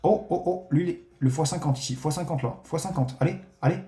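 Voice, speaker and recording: Excitable man commentating casino bets. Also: fairly high pitch, brisk, echoey room. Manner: excitable, swears often, addresses viewers as friends. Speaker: casino streamer. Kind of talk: live gambling commentary.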